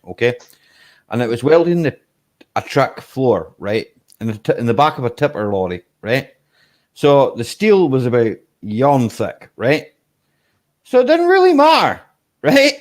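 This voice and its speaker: A man in his early forties chats unhurriedly on a live stream, his pitch swinging widely as he tells stories. He laughs easily and keeps checking in with "eh?" and "right?". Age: 40s. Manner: laughs often, rambling with "right?" and "eh?". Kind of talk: casual chat.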